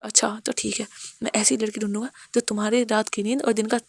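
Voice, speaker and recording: A woman's voice: fairly high pitch, flat delivery, fast, gravelly, no room sound. A woman voicing a hot-tempered young man. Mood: indignant. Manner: indignant, threatening in jest. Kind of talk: fan fiction storytelling.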